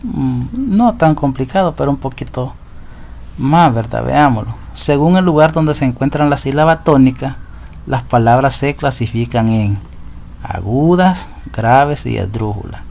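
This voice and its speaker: Gravelly-voiced male Spanish teacher. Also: mid-range voice, lively intonation, unhurried, darkish tone, slight background noise. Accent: Central American Spanish. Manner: patient, repeats rules and asks ¿verdad?. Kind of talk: recorded lesson explaining slides.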